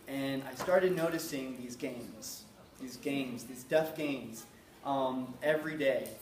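A man's voice: mid-range voice, background noise. A man giving a casual, rambling talk as a guest speaker to a class. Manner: chatty, rambling, many fillers. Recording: roomy, from far off.

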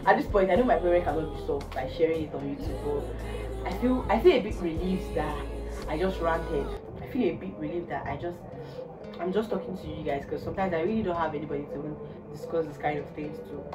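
A young woman with a Nigerian accent vlogging at home, ranting about a hard week with exasperated, animated talk. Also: sits low, quick pace, over music. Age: young adult. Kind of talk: casual vlog rant. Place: indoors, living room. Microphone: phone camera.

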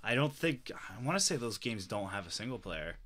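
A man's voice: on the low side, big pitch swings, a little fast, a bit bright. A man co-hosting a podcast, talking about video games in a blunt, casual way with plenty of swearing. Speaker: podcast co-host. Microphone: podcast microphone.

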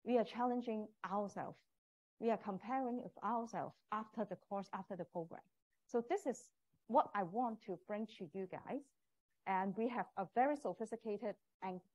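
A woman professor presents live to prospective students in a medium-pitched voice. She speaks with a Cantonese accent as a native Cantonese speaker. Her phrasing is non-native, with small slips in grammar. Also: moderate pace, a little mellow, dull audio. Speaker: professor teaching a communication course.

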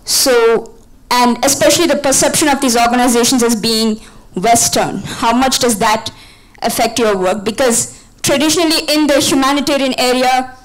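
Young woman from India in the audience, bright-pitched, thinking aloud through a long question. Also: steady tone, normal speed, rough recording. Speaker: audience member asking a question. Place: conference hall. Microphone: handheld microphone.

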